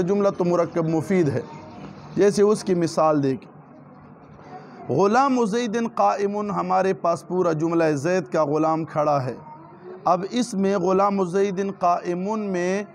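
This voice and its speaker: A man with a fairly high voice teaching a classroom grammar lesson. He explains step by step, repeating terms and examples, and reads textbook lines aloud before unpacking them. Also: a little hiss or hum. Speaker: religious teacher.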